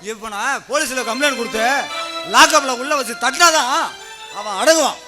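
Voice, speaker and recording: A man playing a hot-tempered, protective elder brother who shouts insults. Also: very high voice, normal speed, over music. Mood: furious. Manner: angry, abusive, shouting.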